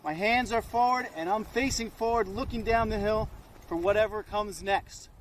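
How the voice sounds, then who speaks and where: A man's voice: high-pitched, moderate pace, slight background noise, poor audio. A man working as a ski instructor, coaching informally and encouragingly in short instructions out on a slope. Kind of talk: ski lesson demonstrated on the slope.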